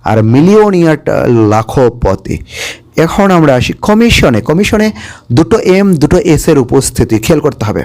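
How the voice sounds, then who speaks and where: A man gives a careful spelling lesson, sounding out each English word one letter at a time and then explaining what it means. His voice sits a little high. He keeps a patient teaching pace and stops to check that the class is following. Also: a little mellow. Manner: explains Bengali meanings, checks with "okay?".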